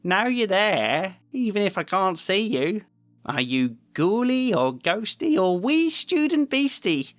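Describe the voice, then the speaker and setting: A high, wheedling male poltergeist, sly and greasy, sliding up into a squeak. The voice sits far above a normal man's, with a sneering, fawning edge. It is recorded dry and close. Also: big pitch swings, slow pace, dry recording, full character voice. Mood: taunting.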